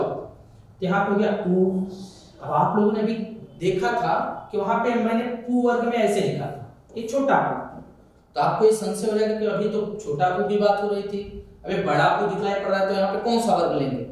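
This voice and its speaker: A man's voice: high voice, a little mellow. A man teaching a Sanskrit pronunciation lesson in speech, explaining step by step and often asking the class questions before he answers them himself. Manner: repeats sounds slowly and checks with "ठीक है". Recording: echoey room, voice from a distance.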